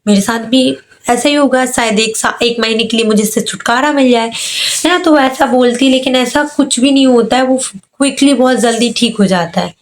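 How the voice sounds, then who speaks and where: A woman teacher with a Hindi accent explains an English story, reading lines slowly and then paraphrasing them. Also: fairly high pitch.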